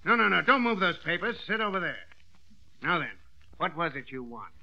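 Gravelly, grouchy screwball editor. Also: male voice, sits high, a little fast, exaggerated voice. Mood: testy, curt. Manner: testy, deadpan screwball comebacks. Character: grouchy, harried male newspaper managing editor. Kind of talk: 1940s radio comedy acting. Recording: dull vintage radio recording.

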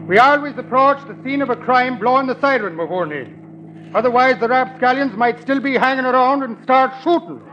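A man's voice: very high voice, fairly quick. An actor playing a blustering, pompous, thick-headed Irish policeman with a dopey cartoon bellow in an old radio comedy. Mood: indignant. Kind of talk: 1940s radio comedy acting. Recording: muffled old radio recording, faint noise.

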